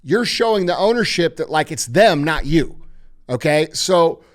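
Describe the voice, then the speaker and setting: A man's voice: on the high side, lively intonation, measured pace. A man hosting a podcast, giving blunt, emphatic motivational advice with heavy swearing. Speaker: podcast host.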